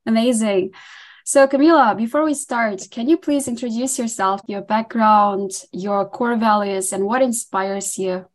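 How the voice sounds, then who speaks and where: A woman's voice: on the high side, measured pace. Upbeat podcast host woman. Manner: upbeat, effusive. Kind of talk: scripted intro and interview questions.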